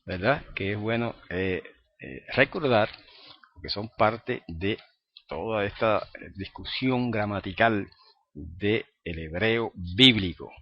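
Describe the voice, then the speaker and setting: A man's voice: lowish voice, slow pace. A man teaching a recorded lesson, explaining patiently and often checking in with the listener. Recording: dry, dull lo-fi recording.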